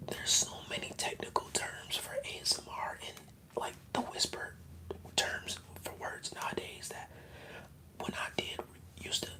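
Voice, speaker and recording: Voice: a little slow, rough recording. An ASMR streamer whispering in a casual, rambling, slangy way while chatting on a livestream. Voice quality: whispered, mostly unvoiced.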